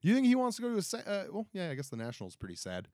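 A man's voice: sits high, huge pitch swings, very fast, dark tone, dry recording, studio quality. A young man hosting a casual solo podcast, rambling and self-deprecating with many fillers and restarts. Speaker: podcast host.

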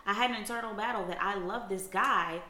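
Bright-voiced woman telling a story. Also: mid-range voice, a little fast, roomy sound. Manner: animated storyteller, talks straight to listeners. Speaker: co-host. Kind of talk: candid couple chat to an audience.

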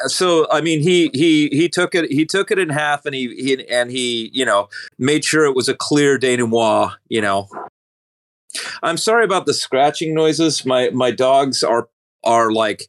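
Halting man, dry sound, scratching in background. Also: mid-range voice, a bit bright, dry recording. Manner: halting, repeats words. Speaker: podcast panelist discussing books. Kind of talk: casual book discussion. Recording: faint scratching from dogs.

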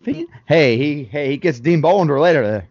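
A man's voice: fairly high pitch, normal speed, no room sound. Laid-back man chatting, dull dry sound. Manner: relaxed, laughs often, says "man" and "dude". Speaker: podcast co-host. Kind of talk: casual chat reviewing a sitcom episode.

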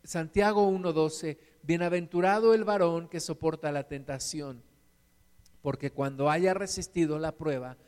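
A man's voice: fairly high pitch, a little slow, a little mellow, clear, resonant tone. A man preaching a sermon, reading scripture and retelling it earnestly with many repeated words. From Mexico. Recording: long hall reverb.

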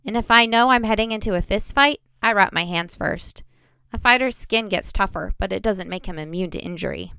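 A woman voicing an easygoing young male fighter who talks in a relaxed, teasing way. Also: high voice, fairly quick, creaky, smooth, dry recording, heavily acted. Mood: easy.

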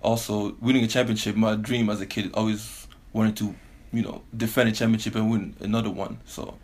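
A man who grew up in Belgium and Canada, a professional basketball player speaking as a podcast guest in a relaxed way, laughing easily. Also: on the low side, a little fast. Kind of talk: casual interview.

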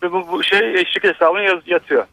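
A man's voice: high voice, fairly even intonation, fast, bright, forceful tone, no room sound. A male doctor calling in to a radio show over a telephone line, complaining about taxes in an aggrieved way with hesitant fillers. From Bursa, Turkey. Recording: muffled phone line, dry.

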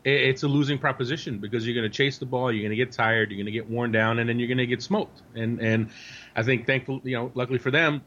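A man co-hosts a sports podcast over a dull, lo-fi connection. His voice is medium in pitch. He comments in a casual, teasing way and repeats phrases as he works toward a point. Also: steady tone, quick pace, a bit bright, slight background noise. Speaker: sports podcast co-host and soccer analyst.

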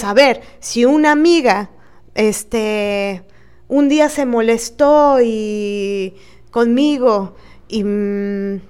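A woman's voice: a little high, clean tone. Earnest Mexican woman podcast host. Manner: earnest and emphatic, often asking questions of herself and others. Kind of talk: reflective podcast talk.

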